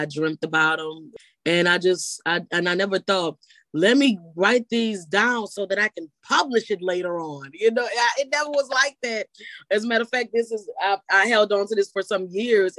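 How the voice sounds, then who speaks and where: Answering interview questions, a female singer and poet rambles loosely, frequently repeating words when she starts a thought. She has a lowish voice, and there's no room sound.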